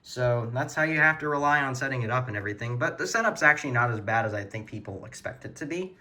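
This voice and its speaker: A man presents his weather radio collection from his room at home, talking in a casual, sincere hobbyist way. His medium-pitched voice is fast and sharp, with lively intonation.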